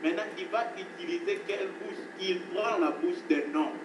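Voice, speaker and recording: A man preaches a sermon in a high voice at a moderate pace, emphatic and repeating phrases as he addresses listeners as beloved. The recording is made in a noisy, echoey hall from a distance.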